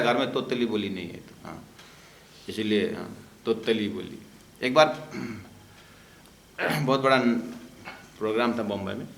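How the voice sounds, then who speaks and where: Scripture teacher guy, slow and gravelly, tells little stories and acts out the dialogue. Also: fairly low pitch, a bit bright, a little hiss or hum. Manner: acts out dialogue in story asides. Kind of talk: Hindi scripture class with storytelling. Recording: roomy echo.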